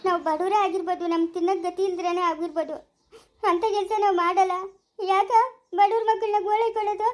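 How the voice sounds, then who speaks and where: A woman playing a gentle, hurt village woman in her thirties. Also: very high-pitched, steady tone, fast talker. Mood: hurt tearful. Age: 30s. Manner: pleading, tearful. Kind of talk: village family short drama.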